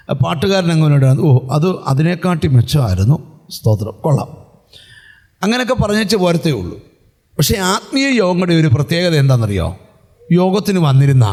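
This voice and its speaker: High-voiced preaching man in a hall. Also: darkish tone. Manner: preaching with frequent refrains of praise. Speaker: pastor. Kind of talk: sermon. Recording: hall reverb, church sound system.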